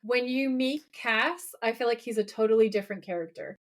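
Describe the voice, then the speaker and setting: A woman's voice: on the high side, a little fast. A woman co-hosting a podcast, chatting casually and enthusiastically with lots of fillers. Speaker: podcast co-host. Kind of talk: casual chat.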